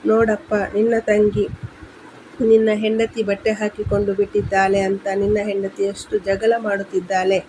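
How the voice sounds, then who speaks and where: Lady doing a bossy mother-in-law taking her daughter's side, accusing, flat voice. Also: mid-range voice, normal speed, a little hiss or hum, close to an everyday voice, low-quality recording. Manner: accusing, defensive.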